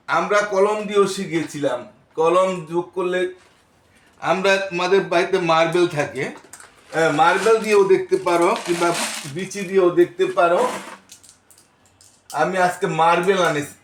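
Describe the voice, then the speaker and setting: A man teaching a first-grade math lesson, counting aloud slowly and patiently. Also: sits high, reverberant, a little hiss or hum. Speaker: primary school teacher.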